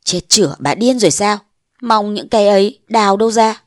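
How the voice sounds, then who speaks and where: A woman's voice: mid-range voice, lively intonation, fairly quick, dry recording, studio quality, close to an everyday voice. A woman voicing a pompous, bullying old mandarin who scolds and blusters, in a storybook reading. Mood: blustering.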